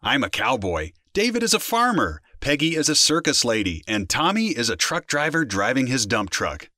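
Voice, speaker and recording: A man voicing a small boy who plays cowboy on his tricycle, talking excitedly and boasting about the game. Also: medium pitch, normal speed, no room sound, clean studio sound. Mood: eager.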